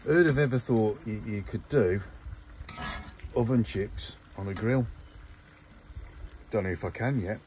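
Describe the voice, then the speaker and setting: An older man chats with his viewers while cooking at a garden grill for a relaxed outdoor vlog, frequently saying "look." His voice is lowish and darkish, a little slow with frequent pauses, and there's slight background noise.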